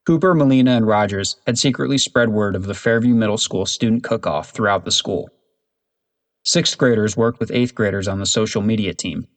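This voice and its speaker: A man reads a children's chapter book aloud in a low, steady voice. His narration is even and unhurried, in the manner of a storybook reading.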